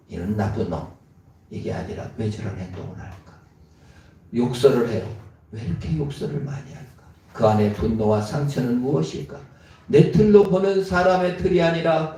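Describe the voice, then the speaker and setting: A man's voice: a little high, dark tone. A male pastor giving an emphatic storytelling sermon in a church, heard in an echoey hall from a distance.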